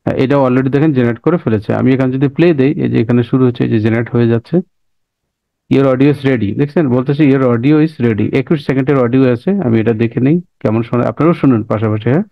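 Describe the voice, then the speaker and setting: Fast, gravelly male tutorial instructor. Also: mid-range voice, no room sound, highs cut off. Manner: repetitive, checks in with listeners often. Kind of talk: screen-recorded software tutorial.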